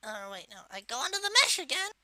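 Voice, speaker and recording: A person voicing a bratty male cartoon Koopa creature, giving a casual, unscripted software tutorial in a halting, self-correcting way. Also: high-pitched, very animated, no echo, full character voice. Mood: explaining, halting. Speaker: tutorial host.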